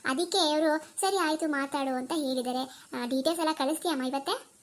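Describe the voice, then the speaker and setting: A woman voicing a gentle, caring young wife in a cartoon who speaks softly and reassuringly. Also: high-pitched, brisk, noisy background, natural voice. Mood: chatty. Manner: soft, reassuring. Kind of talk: cartoon dialogue acting.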